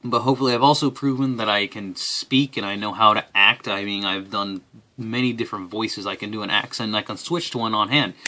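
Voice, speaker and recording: Bright-voiced young man, dry and deadpan. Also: on the low side, brisk. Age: young adult. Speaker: applicant. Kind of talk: casual talk to camera.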